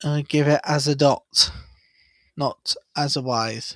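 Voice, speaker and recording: A man hosting a live cricket watchalong, chatty and excitable, jumping up in pitch at big moments. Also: slow, no room sound. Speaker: watchalong host.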